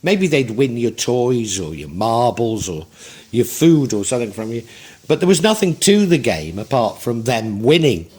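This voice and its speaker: A man's voice: fairly low pitch, a little mellow. A man in his sixties giving a tarot reading in a reflective, rambling way with frequent restarts. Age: 60s. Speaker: tarot reader.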